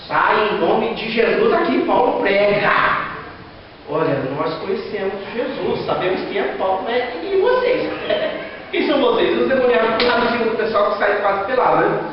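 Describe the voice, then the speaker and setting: A man's voice: high-pitched, a little hiss or hum. A man preaching a sermon as pastor, with a Brazilian Portuguese accent, telling stories and acting out the voices of the people in them. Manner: storytelling, acting out quoted voices, rhetorical questions. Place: large echoey church hall. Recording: echoey hall from far off, dull sound.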